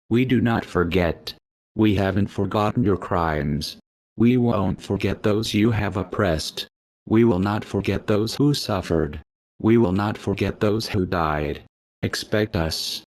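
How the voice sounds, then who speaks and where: Masked spokesman, male, disguised deep voice, very low and dry, flat solemn read of a scripted warning. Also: dry recording. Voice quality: slow, flat, solemn delivery.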